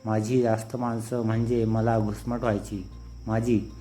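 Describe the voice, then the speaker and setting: A proud, sensitive young woman who teaches dance, as a male storyteller reads her part. The lines come slow and measured, with little rise and fall. The tone is dark and mellow, and faint music plays underneath. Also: fairly low pitch, level tone, lightly acted. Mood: teasing.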